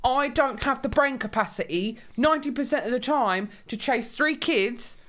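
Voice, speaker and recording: A woman's voice: high-pitched, animated, normal speed, fairly bright tone, slight background noise. A woman in her thirties, a podcast co-host chatting casually and bluntly, swearing and laughing often. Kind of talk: casual chat.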